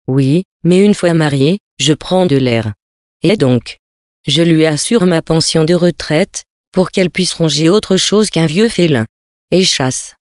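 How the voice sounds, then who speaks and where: A man reading a sea story aloud, with steady, even storytelling and lightly voiced dialogue. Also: a little high, no room sound, clean studio sound. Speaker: reader.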